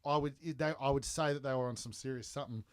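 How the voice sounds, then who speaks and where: A man's voice: mid-range voice, quick pace. A young Australian man co-hosting a podcast, telling stories in a blunt, rambling, slangy way. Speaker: podcast co-host. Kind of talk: casual chat.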